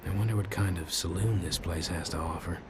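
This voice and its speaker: A wry Western game hero, played by a man, muses to himself in a deep voice. He is terse and dry, and noticeable noise sits behind his words. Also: fairly quick, close to an everyday voice. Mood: wry, musing. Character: dry, observant male Western adventurer hero. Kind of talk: video game character inner monologue.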